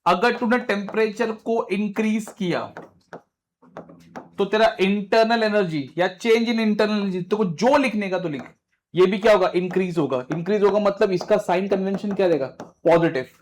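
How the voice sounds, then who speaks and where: A male physics teacher. He lectures briskly and fires questions at his students. His tone is informal and direct, like a coaching-class teacher. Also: high voice, a little hiss or hum.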